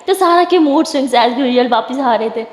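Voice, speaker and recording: A woman narrating a story in a chatty, animated way. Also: sits high. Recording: echoey room with long reverb.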